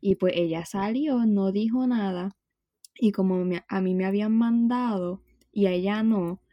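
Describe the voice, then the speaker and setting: A young woman with a Puerto Rican accent telling a story in casual chat, animated and full of slang. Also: mid-range voice, a little slow, no echo, highs cut off.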